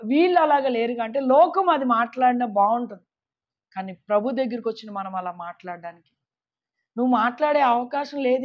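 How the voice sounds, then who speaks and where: A woman preaching a sermon to a women's meeting, emphatic, often calling out hallelujah and asking the listeners questions. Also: on the high side. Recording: dull lo-fi recording.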